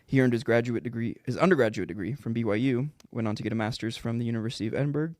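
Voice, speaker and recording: A man's voice: mid-range voice, racing, a little mellow, no echo, studio quality. A man hosting a podcast in casual chat, reading the guest's introduction and laughing easily. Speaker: podcast host. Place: studio.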